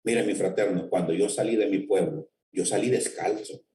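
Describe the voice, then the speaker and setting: A man with a Honduran accent preaches his testimony in a low voice, fervent and direct with his listeners. The sound is echoey and roomy. He is some distance from the mic, over a faint hiss. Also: moderate pace, warm tone. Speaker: lay preacher giving testimony. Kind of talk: testimony sermon. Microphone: connected online.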